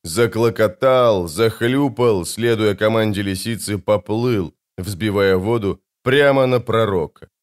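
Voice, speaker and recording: A man narrating an adventure audiobook in an expressive, dramatic way. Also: lowish voice, unhurried, hardly any pauses, clear, resonant tone. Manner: expressive, lively storytelling.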